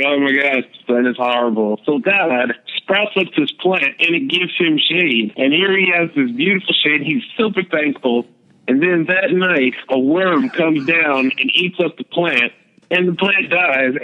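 A man walks through Bible stories in a relaxed podcast chat, explaining each point as he goes. His voice sits a little high. The sound is muffled and lo-fi. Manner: storytelling, explaining, laid-back. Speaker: podcast host. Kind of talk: casual Bible discussion podcast. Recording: dull lo-fi recording.

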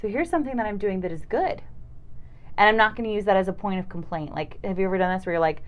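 A woman's voice: medium pitch, fast, muffled recording. A young adult woman co-hosting a podcast, talking candidly and with self-deprecation in casual chat, acting out the voices of people she quotes. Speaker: podcast co-host.

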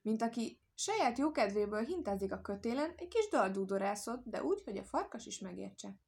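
A woman reading a folk tale aloud as storyteller, calm and measured. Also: fairly high pitch, creaky, slightly rough.

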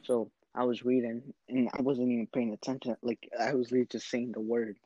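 A young man co-hosting a casual podcast, speaking in a tired, halting way as he tells stories. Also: medium pitch, level tone, warm tone, no echo, dull audio. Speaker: podcast co-host. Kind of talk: casual chat.

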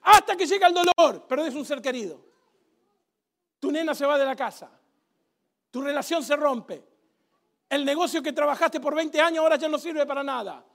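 With a voice that's strikingly high and gravelly, a male pastor delivers his sermon full of animated sarcasm, getting the congregation to echo his phrases.

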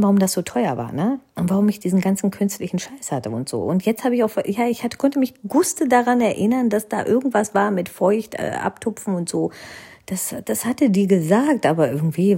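A woman's voice: medium pitch, gravelly, warm tone, slightly rough. A woman telling the story of her own wedding in a casual, rambling way, tagging nearly every sentence with a questioning "ne". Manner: rambling, constant tag question "ne?".

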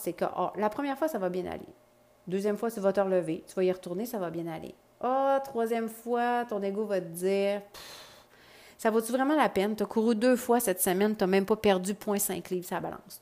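Middle-aged Quebec French woman, life coach, direct and lively, casual motivational talk. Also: mid-range voice. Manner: lively, direct, uses slangy expressions and English words. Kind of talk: motivational podcast monologue.

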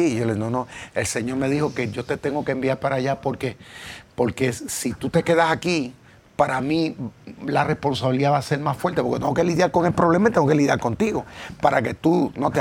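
A middle-aged man preaching a sermon, telling his own story earnestly, with emphatic peaks and hushed asides. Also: mid-range voice, creaky, slight background noise. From Puerto Rico. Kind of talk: sermon with personal testimony.

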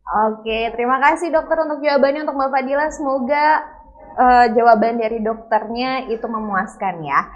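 A woman's voice: on the high side, moderate pace. A woman casually moderating questions as the host of an online event. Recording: dull, lo-fi online call.

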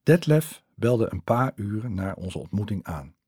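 Husky man narrating his memoir. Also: fairly low pitch, big pitch swings, unhurried, a little mellow, no room sound, clean studio sound. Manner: reflective and earnest. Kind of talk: first-person memoir narration.

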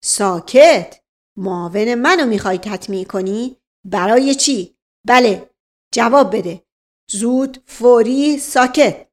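A woman doing a shouting bully inspector. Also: on the high side, lively intonation, close to an everyday voice. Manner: barks short commands, shouting. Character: blustering bullying male police inspector.

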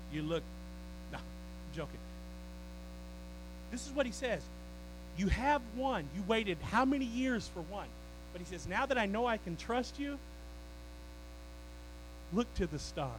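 A man preaching a sermon, swinging from loud declarations to low, joking asides with his congregation. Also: slight background noise, rough recording.

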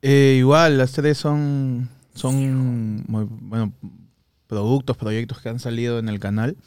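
Man, Peruvian accent, guest, casual chat, lively anecdotes, dry sound. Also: mid-range voice, slow, smooth, no room sound. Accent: Peruvian Spanish. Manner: animated storyteller, mimics others' voices. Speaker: podcast guest.

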